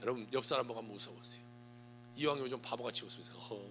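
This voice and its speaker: A man preaching a sermon as pastor, emphatic, slowing down for scripture. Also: medium pitch, fairly bright tone, slight background noise.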